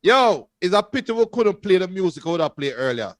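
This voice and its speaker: A man co-hosting a football watch-along, joking and giving shout-outs to viewers. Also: high-pitched, very animated, a little fast, no echo. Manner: jokey, reads out viewer shout-outs, laughs often.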